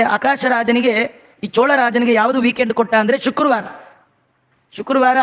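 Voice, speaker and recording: High-voiced man giving a devotional sermon. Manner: asks the audience questions and answers them himself; chants verses, then explains them in everyday talk. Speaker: religious scholar giving a discourse.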